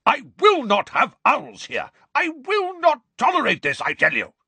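A furious middle-aged uncle from a storybook. He bellows and blusters in a raised, straining pitch that leaps about. He is nasty, indignant and loud. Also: very animated, moderate pace, creaky, dry recording, heavily acted. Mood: furious, bellowing.

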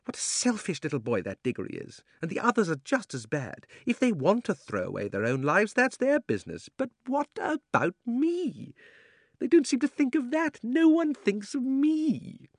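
A male reader doing a peevish, cowardly old gentleman whose voice climbs to a thin, shrill whine. The self-pity comes through in a pinched, strained tone with a different colour from the reader's own deep voice. The recording is close and dry, like a storybook read-aloud. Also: very animated, moderate pace, dry recording, heavily acted. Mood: panicked whining.

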